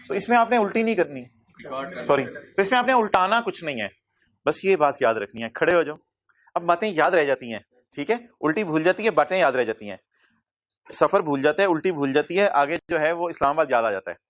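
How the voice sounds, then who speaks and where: A male accounting lecturer, teaching a class by firing quick questions at the students and answering them himself. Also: a little high, expressive.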